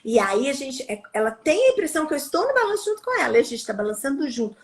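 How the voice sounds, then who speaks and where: A woman's voice: high voice, very animated, racing. A Brazilian woman occupational therapist in casual conversation, explaining and acting out examples. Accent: Brazilian Portuguese. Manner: demonstrative, acts out examples.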